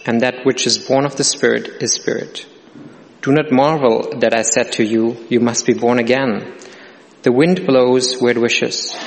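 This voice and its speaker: A man solemnly reading the gospel aloud during a church service, his voice carried by a cathedral echo. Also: mid-range voice. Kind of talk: liturgical scripture reading. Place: large church sanctuary. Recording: long church reverb, heard from a distance.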